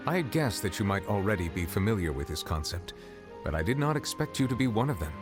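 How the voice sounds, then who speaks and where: In game dialogue over faint music, an actor voices a dignified male chief justice who speaks formally, measured and deliberate. His pitch is fairly low, with big swings.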